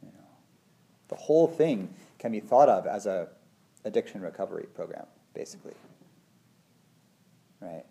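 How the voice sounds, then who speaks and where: A man's voice: lowish voice, very animated, moderate pace, gravelly, pauses often, dark tone. A man in his forties, a meditation teacher, talking in a thoughtful, meandering way, full of "you know" and "like". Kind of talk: casual conversation.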